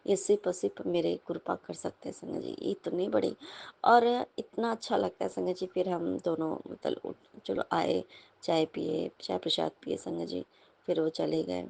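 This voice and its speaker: Gravelly, husky woman sharing devotional stories. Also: on the low side, a little mellow. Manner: earnest, repeatedly addressing the listeners as sangat ji. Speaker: satsang speaker. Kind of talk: devotional sharing of personal experiences.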